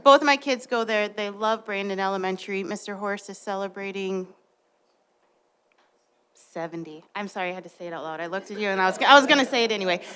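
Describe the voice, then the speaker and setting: Woman board member, mid-pitched, warm and chatty, public meeting. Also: a little fast.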